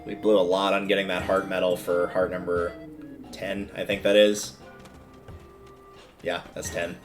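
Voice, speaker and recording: With music in the background, a man plays a video game on a livestream, casually rambling and thinking aloud. His fairly low voice has little pitch movement, and he speaks at an unhurried pace.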